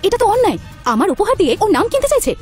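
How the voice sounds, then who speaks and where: A woman's voice: very high-pitched, big pitch swings, racing, faint music behind. An actress playing a spoiled, jealous young daughter who accuses and taunts her poorer brother in a family drama. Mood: scheming.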